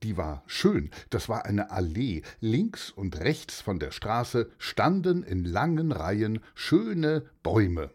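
A man narrating a children's audio story in an expressive, playful way. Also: on the low side, slow, few pauses, breathy edge.

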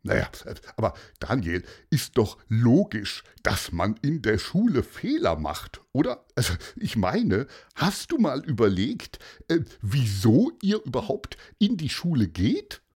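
A man's voice: medium pitch, wildly swooping pitch, unhurried, few pauses, a little mellow, husky, full character voice. A man doing a kind, hesitant explainer. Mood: explaining. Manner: hesitant, explaining, many fillers. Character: kind thoughtful grown man. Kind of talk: audio storybook acting.

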